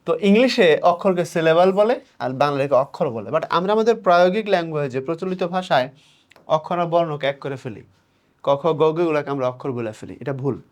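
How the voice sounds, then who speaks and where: A young man leads an exam-prep lesson, his voice sitting a little high for a man. He explains patiently, counts syllables out slowly one by one, and puts on the questions his students might ask. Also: lively intonation, a little mellow. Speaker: teacher.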